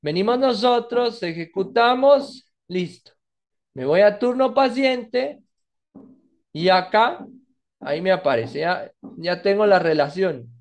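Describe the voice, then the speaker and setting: Over a screen recording, a database instructor walks through a coding tutorial step by step, often checking in with "¿verdad?". His voice is high and animated, and he speaks slowly.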